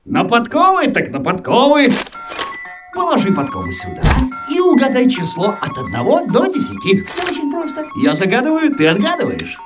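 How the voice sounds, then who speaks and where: A woman voicing a talking tree in an animated film, a luring, teasing gambling host with theatrical game-show patter. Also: high-pitched, moderate pace, far from the mic, over music. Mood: slick, teasing. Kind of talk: animated film character acting.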